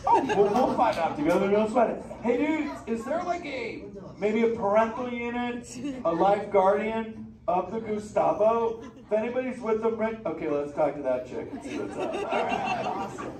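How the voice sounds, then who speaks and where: A loud crowd is audible as a man, high-pitched and very animated at normal speed, voices a laid-back male surfer sea turtle. The character drawls slang and teases audience members during a live interactive theater show. The recording is distant, echoey, and noisy.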